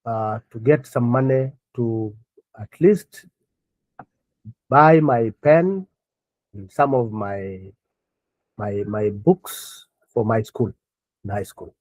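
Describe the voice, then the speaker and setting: A middle-aged man from Kenya, a guest on a remote interview, speaking earnestly and in measured phrases with frequent pauses. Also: medium pitch, expressive, darkish tone, dry recording, rough recording. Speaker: guest, NGO founder.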